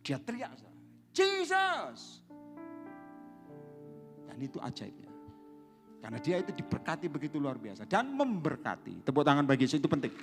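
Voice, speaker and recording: A man preaching to his congregation with an animated, swinging delivery, often calling on them to answer. His voice sits a bit high. It rings out with a long church reverb and faint music beneath. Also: fast. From Indonesia. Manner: lively preaching, calls to the congregation. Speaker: pastor. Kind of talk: sermon.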